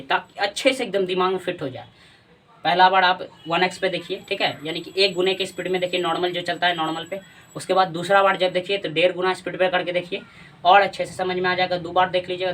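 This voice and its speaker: A man's voice: sits high, pushed and bright, distant mic, a little hiss or hum. A male teacher with a Bihari Hindi accent giving a grammar lesson, often repeating key answers as questions to his students.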